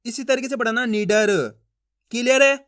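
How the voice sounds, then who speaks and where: Man teaching hindi reading, very high bright voice, dry close recording, spells out syllables slow. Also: no room sound. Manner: slow, drawn-out syllable-by-syllable pronunciation drills; addresses viewers as friends, asks if it's clear. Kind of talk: online reading lesson.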